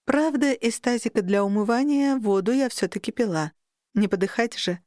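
A woman's voice: a little high, normal speed, a little mellow, no echo, clean studio sound. A young woman narrating a novel in the first person, emotional and rising sharply when the heroine is in distress. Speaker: audiobook narrator.

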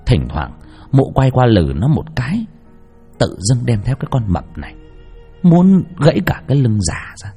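A man narrating a ghost story vividly, swinging between hushed and lively. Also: medium pitch, normal speed, vocal fry, slightly rough. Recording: narration over soft background music.

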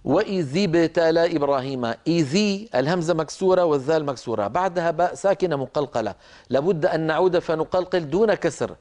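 Higher-pitched man teaching Quran recitation. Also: a little mellow. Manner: explains slowly, demonstrates sounds, pauses between segments. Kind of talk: tajweed lesson with live correction.

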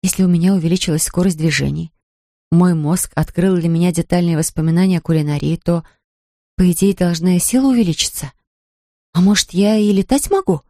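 A lively nanny in a storybook reading, voiced by the woman reading, in a dry, close recording. She talks in quick, exclaiming bursts. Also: on the low side, dry recording, lightly acted.

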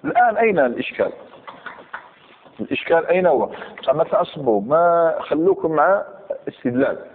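Lively man teaching grammar, phone-like sound. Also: fairly high pitch, a little fast, slight background noise. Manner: questions students, repeats examples. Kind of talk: classroom lecture. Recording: tinny phone-like recording.

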